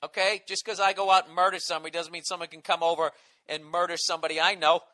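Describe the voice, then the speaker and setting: A man's voice: fairly high pitch, flat delivery, quick pace, sharp tone. A man in his forties with a Boston accent, ranting and swearing on his solo podcast, exasperated. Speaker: podcast host.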